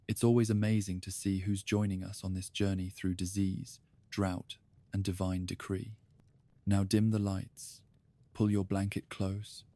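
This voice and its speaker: A man whose voice sits low narrates a bedtime story about history, evenly and calmly in a soft tone. He addresses the listener as "you," and the recording carries no room sound.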